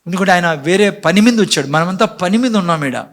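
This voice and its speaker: High-voiced animated preacher man. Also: a little fast. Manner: animated preaching, rhetorical questions, voices God and Cain in dialogue. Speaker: pastor. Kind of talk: sermon.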